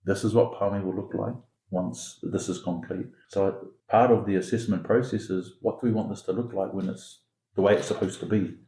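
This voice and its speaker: Podcast guest, male, from Singapore: warm low voice, insistent repetitive delivery, roomy sound. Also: steady tone, moderate pace. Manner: emphatic, repetitive, builds points through extended metaphor. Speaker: founder of an education academy, podcast guest. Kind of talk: conversational podcast interview.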